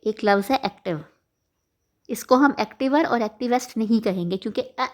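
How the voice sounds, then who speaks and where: A woman, voice sitting a little high for a woman, teaches grammar for an exam. She walks through each answer step by step, keeps checking in with her listeners, and stops to correct her own mistakes. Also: moderate pace. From Pakistan. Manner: explains step by step, often checks with "ठीक है" and corrects herself mid-lesson. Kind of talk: exam-prep grammar lesson.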